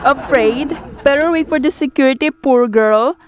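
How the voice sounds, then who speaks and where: A woman's voice: high voice, unhurried, voice pushed down. Woman doing a sneering snobbish rich girl. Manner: haughty, sneering, drawn out. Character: snobbish rich young woman, mocking and rude.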